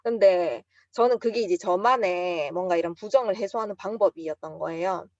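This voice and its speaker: Speaking at a moderate pace in a lowish voice, a Busan woman with a Gyeongsang accent draws on personal experience for a motivational seminar. Her storytelling is animated, with quotes performed in emotional bursts, and the recording is dry and dull.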